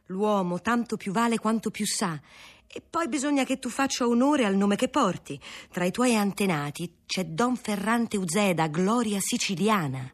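A woman's voice: mid-range voice, animated, normal speed, natural voice. A woman voicing a pompous elderly male scholar who lectures in a self-important way. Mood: lecturing.

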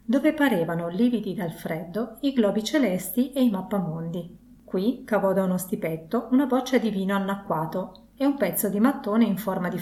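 A woman narrates a classic novel with an expressive storytelling cadence. Her voice sits at a middle pitch. The recording has a roomy echo. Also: a little hiss or hum. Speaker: audiobook narrator.

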